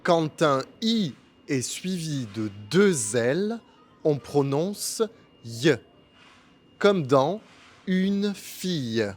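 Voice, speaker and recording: A man teaching pronunciation in a slow, scripted lesson, articulating each sound with care. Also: on the high side, very animated, soft background music. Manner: careful, deliberate articulation. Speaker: French teacher.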